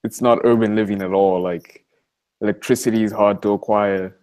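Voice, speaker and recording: A man's voice: fairly low pitch, normal speed. An eighteen-year-old man from Malawi, a college student, talking casually as an interview guest over a video call from a library study room, with lots of "like" and "you know.". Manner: relaxed, conversational, many fillers like "like" and "you know".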